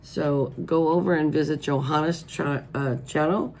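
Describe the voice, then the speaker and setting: A middle-aged American woman hosts a casual vlog in a hoarse, stuffed-up voice. There is a strong gravelly creak in her speech. A faint noise sits behind her as she talks indoors at a table. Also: low voice, steady tone, normal speed, a little mellow, low-quality recording. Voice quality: froggy, hoarse. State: congested with allergies. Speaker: host of a colouring channel.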